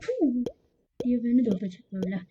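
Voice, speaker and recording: A woman with a somewhat high voice grumbles and rants through casual gaming commentary. The audio is dull and lo-fi, with steady noise underneath. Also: fairly quick. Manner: grumbling, ranting at the game. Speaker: gaming channel host. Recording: lo-fi with background noise.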